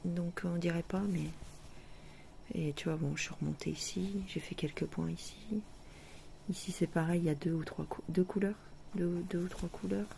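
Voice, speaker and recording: A woman talks through her cross-stitch progress in a relaxed, chatty vlog, laughing at her own mistakes. Her voice has a noticeable gravelly fry, and she often sinks to a soft near whisper. A faint hum of background noise sits under the recording. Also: on the low side, normal speed. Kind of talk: casual chat showing her stitching.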